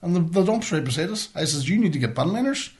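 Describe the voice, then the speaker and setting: Here a Northern Irish co-host, middle-aged, rants bluntly and sweary about daily life in casual podcast chat. He speaks quickly in a high-pitched, expressive voice with a darkish tone.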